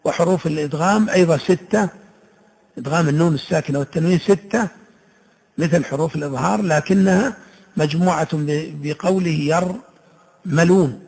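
A man teaching Quran recitation rules, explaining slowly and reciting each example word in a drawn-out way. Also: a little high, creaky, a little mellow, breathy edge, low-quality recording.

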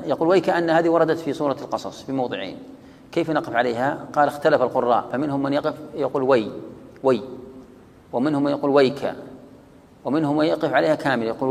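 Man teaching recitation, quick delivery, gravelly voice, long echoing reverb, repeats key words. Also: medium pitch. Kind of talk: explaining a recitation text line by line.

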